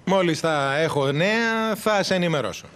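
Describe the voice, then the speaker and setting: A man's voice: fairly high pitch, expressive, a bit bright, clean tone, long reverb tail. An actor dubbing a panicky, fussy school director who frets theatrically and orders his staff around. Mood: bossy. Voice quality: theatrical, flustered. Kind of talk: dubbed TV drama.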